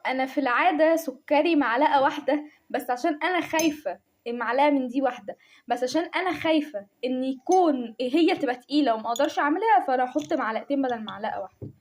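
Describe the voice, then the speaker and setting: Quick, high-voiced Egyptian young woman. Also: a little hiss or hum. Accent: Egyptian Arabic. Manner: chatty, self-mocking, excitable. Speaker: vlogger. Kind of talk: casual chat to camera.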